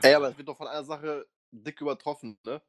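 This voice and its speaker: Mocking young man, slightly high voice. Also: fairly even intonation. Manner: mocking, quick rants, imitates guests in a raised voice. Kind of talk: casual chat.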